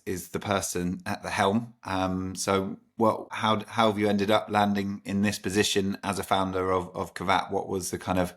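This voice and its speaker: Low-voiced rambling podcast host man. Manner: enthusiastic, rambling questions with many restarts. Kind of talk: podcast interview.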